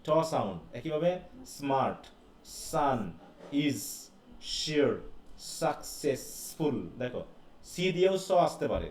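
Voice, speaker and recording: A man's voice: medium pitch, sing-song, a little slow, a little mellow, a little hiss or hum. A man teaching a live class, explaining step by step and asking his students questions. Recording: echoey classroom heard from a distance.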